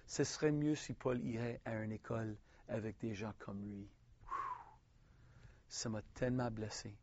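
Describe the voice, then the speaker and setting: A man from Quebec with a Québécois French accent, preaching a personal testimony in an earnest, halting way with frequent restarts. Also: mid-range voice, a little mellow, no echo, muffled recording.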